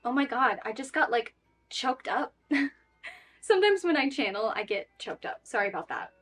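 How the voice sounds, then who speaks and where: A woman's voice: fairly high pitch, very animated, normal speed, fairly bright tone, faint music behind. A woman giving a casual, reassuring tarot reading in a chatty way, with frequent fillers. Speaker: tarot reader.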